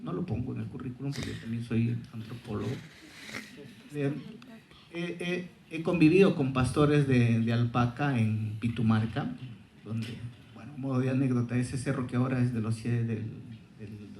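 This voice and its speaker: A man's voice: mid-range voice, normal speed, vocal fry, mellow, echoey room, a little hiss or hum, rough recording. A man, an anthropologist, telling an anecdote at a conference panel, hesitant and repeating words. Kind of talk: conference talk.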